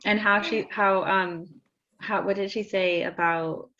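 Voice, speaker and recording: Woman book club member, bright voice, dull muffled recording. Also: medium pitch, fairly even intonation, a little slow. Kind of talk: casual chat.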